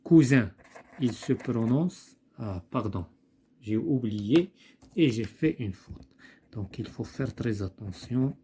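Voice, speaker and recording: A man with a Moroccan accent teaching French spelling, slowly repeating each word and thinking aloud as he goes. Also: mid-range voice, expressive, dark tone, a little hiss or hum. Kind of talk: slow classroom explanation.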